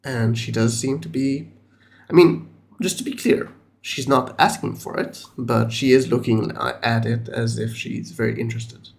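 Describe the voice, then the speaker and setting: A man's voice: medium pitch, fairly even intonation, normal speed, vocal fry. Matter-of-fact man running the game. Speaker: game master. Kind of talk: narrating a tabletop game.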